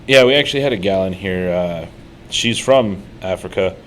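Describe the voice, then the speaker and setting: A man's voice: low-pitched, normal speed, a bit bright, slight background noise, rough recording. A man co-hosting a casual miniature-painting tutorial, rambling and telling stories with plenty of fillers. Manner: rambling, storytelling, frequent fillers.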